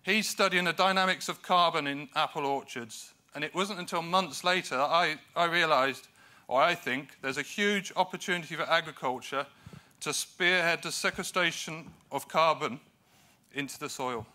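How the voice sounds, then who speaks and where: A man's voice: a little high, moderate pace, bright, forceful tone. A man from the United Kingdom giving a conference presentation, with dry, self-deprecating humour and hesitant fillers between points. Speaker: conference speaker.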